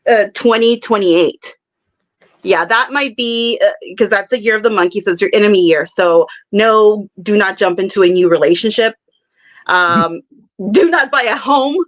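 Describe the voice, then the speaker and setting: A woman's voice: medium pitch, moderate pace. Chatty laughing woman, lo-fi sound. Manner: chatty, laughs often, explains with examples. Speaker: psychic guest. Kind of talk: casual interview chat.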